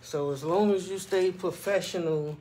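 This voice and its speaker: A man with a somewhat high voice talks casually, as in a personal vlog. He shares his opinions conversationally and keeps checking that the listener follows him. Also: normal speed, darkish tone, low-quality recording. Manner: conversational, frequently checking in with "you know what I'm saying". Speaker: vlogger.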